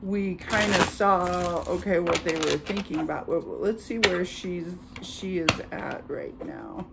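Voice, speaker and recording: A woman hosting her own channel, giving a casual tarot reading in an unhurried, chatty way with many filler pauses. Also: fairly low pitch, very animated, gravelly, very noisy. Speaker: tarot reader and channel host.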